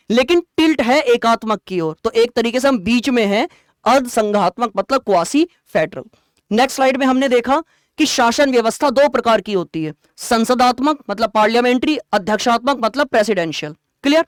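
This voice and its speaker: A male teacher giving an online exam-prep lecture, explaining terms plainly and quizzing students with quick rhetorical questions. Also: very high voice, expressive, no room sound, clean studio sound.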